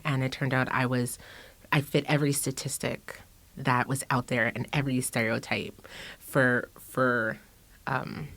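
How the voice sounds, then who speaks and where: A middle-aged woman, a guest artist, speaks reflectively in a casual interview, laughing often and using many fillers and restarts. Her voice is very deep and a bit bright, with no room sound.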